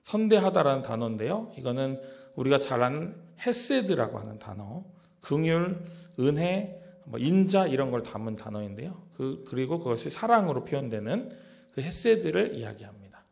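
A man's voice: medium pitch, big pitch swings, normal speed, vocal fry, a little mellow. A male pastor giving a conversational sermon, often asking his listeners rhetorical questions.

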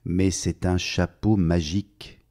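A storyteller voicing a shrewd hatter who makes brisk, satisfied remarks. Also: male voice, sits low, flat delivery, dark tone, voice pushed down. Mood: pleased. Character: shrewd, quietly pleased male hatter.

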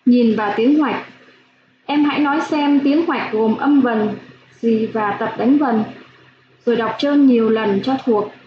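Slow, clear woman teaching phonics. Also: fairly high pitch. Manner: spells out sounds slowly and clearly, gentle instructions. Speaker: primary school teacher. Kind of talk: slow phonics lesson for young children. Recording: echoey room, dull lo-fi sound, faint hiss.

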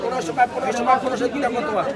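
Extremely fast, high male auctioneer chant. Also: flat delivery, over a noisy crowd. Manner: auctioneer's rapid repeated price calling. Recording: loud crowded market noise.

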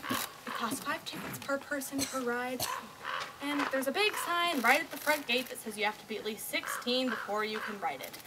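A woman's voice: sits high, normal speed, lightly acted. A woman playing an anxious teenage girl babysitter, confiding in the audience and calling out to the children she watches. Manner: confiding, breathless, and calls out loudly to children. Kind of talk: stage play with monologue to the audience. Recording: loud background noise.

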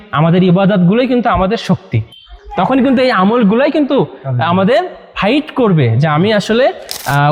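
A man from Bangladesh talks quickly to a roomful of young men, pressing them with questions. His voice sits high. The sound rings with long reverb and a faint hiss underneath. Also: lo-fi sound. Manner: coaxing, asks listeners questions. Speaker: publisher's presenter addressing young men. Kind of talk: promotional talk to a live group.

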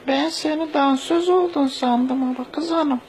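A man's voice: very high voice, a little slow, noisy background, pitched above the performer's own voice. A man voicing a protective, foul-mouthed village mother with a Thracian Turkish accent, scolding and exclaiming in an exaggerated cartoon-style comic dub. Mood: gushing welcome.

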